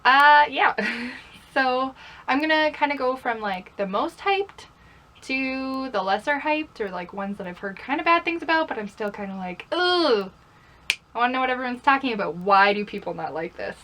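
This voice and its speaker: This young book vlogger talks from her bedroom in a high, bright, forceful voice, animated and at a moderate pace. She chats casually, pokes fun at herself and frequently poses questions to herself.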